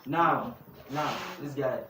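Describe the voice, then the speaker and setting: Crowd noise surrounds a young man with a mid-range voice and a Nigerian English accent as he slowly teaches a youth class. He often has the room finish his sentences in call-and-response fashion, heard from far off in a noisy, echoey room.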